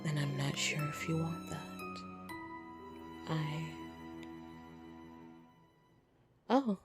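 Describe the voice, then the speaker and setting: A low-pitched woman voices a lonely vampire who flirts in this ASMR roleplay, backed by soft piano. She sounds soft and breathy, intimate and teasing, pausing hesitantly, tender but quick to get irritated.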